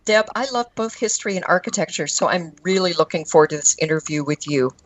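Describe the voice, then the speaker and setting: A woman's voice: fairly low pitch, fast talker, poor audio. A woman co-hosting a podcast, putting scripted questions to a guest. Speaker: podcast co-host, interviewer.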